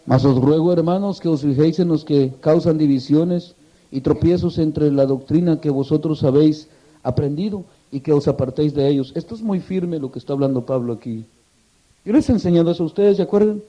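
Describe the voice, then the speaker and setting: A man's voice: a little high, fairly quick, highs cut off. A man preaching a sermon, asking the congregation rhetorical questions and telling a story with passion.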